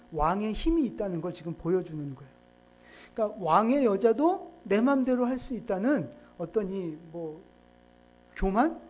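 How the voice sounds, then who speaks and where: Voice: mid-range voice, darkish tone, a little hiss or hum. Conversational pastor preaching a sermon. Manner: conversational, asks the congregation questions. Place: church sanctuary.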